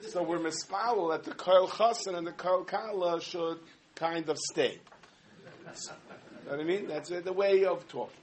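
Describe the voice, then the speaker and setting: A man delivers a humorous sermon. He tells stories in an animated way, full of asides. His voice sits a little higher than most men's. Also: unhurried. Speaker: rabbi giving a talk.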